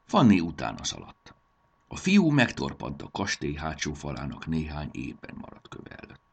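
A man reads a children's adventure story aloud. His voice is deep and husky, and his intonation swings widely and expressively. A gravelly texture runs through the narration. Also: wildly swooping pitch.

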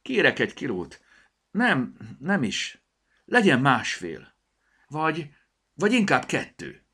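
A man's voice: fairly high pitch, wildly swooping pitch, bright, forceful tone, breathy edge, pitched above the performer's own voice, exaggerated voice. A man voicing a caring young mother in a storybook, lightly raising his voice for her. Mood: deciding.

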